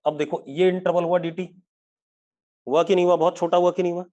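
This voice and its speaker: A male physics teacher running a live online class mixes English terms into his Hindi, dictates definitions slowly, and checks whether students are following. His voice is high and mellow with little pitch movement, and the sound is lo-fi.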